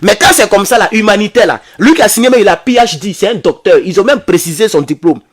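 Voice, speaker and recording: Animated, lively high-voiced man. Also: slightly rough. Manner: excitable, rhetorical, addresses viewers as comrades; reads English then translates haltingly. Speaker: political commentator. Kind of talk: animated political commentary to viewers.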